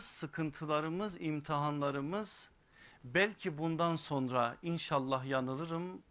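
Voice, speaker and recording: A man's voice: on the high side, a bit bright. A man delivering a sermon at a pulpit microphone, solemn and building in rhythmic lists. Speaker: preacher.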